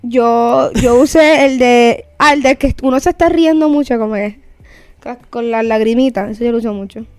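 A woman's voice: fairly high pitch, moderate pace, darkish tone, clear, resonant tone, no echo, soft background music. A young Puerto Rican woman chatting casually and slangily in Spanglish, mixing English phrases into Spanish and swearing freely. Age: young adult. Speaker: podcast host. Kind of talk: casual chat.

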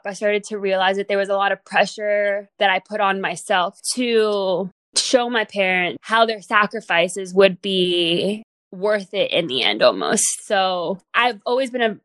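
A woman's voice: medium pitch, a bit bright, dry recording. A young woman from Guatemala talking as an interview guest, reflective and earnest, with fillers and restarts. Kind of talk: casual interview talk.

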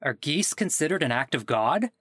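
A man's voice: on the high side, sing-song, moderate pace, fairly bright tone, breathy edge, no room sound, clean studio sound, full character voice. An actor playing an exasperated man whose clone died, sarcastic and indignant in a comedic audio drama.

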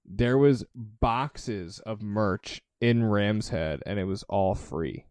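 A man co-hosting a podcast from home, his voice sitting low as he jokes and teases the others. His talk is loose and rambling. The sound is dry and close. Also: takes it slowly, darkish tone, no echo. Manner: joking, teasing, loose and rambling. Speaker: podcast co-host and band member. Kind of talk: casual chat. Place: home, over a video call.

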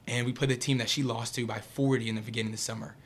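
Young guy from around pittsburgh, super animated, bright voice, telling a story on a podcast. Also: medium pitch, rapid-fire. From Pittsburgh area. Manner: animated, acts out quoted voices. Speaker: podcast guest. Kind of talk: casual storytelling.

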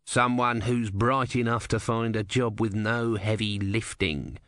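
A man's voice: lowish voice, fairly even intonation, unhurried, a bit bright, smooth, no echo. A man voicing a dry, sardonic male tortoise god who speaks in a knowing way.

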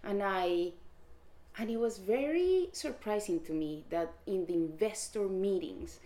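A woman investor, a guest in a studio interview, telling her story in an animated way. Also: medium pitch, a little slow.

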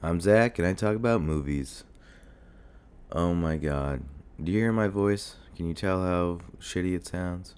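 In a slightly slow, mellow delivery, a young man runs his solo podcast while congested and unwell. His voice is deep and hoarse, and his casual monologue wanders with many fillers and swear words, recorded through a desk mic beside his computer at home.

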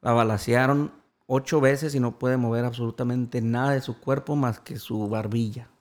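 A man's voice: mid-range voice, steady tone, moderate pace. A man, an interview guest earnestly retelling a personal story and quoting the voices of others.

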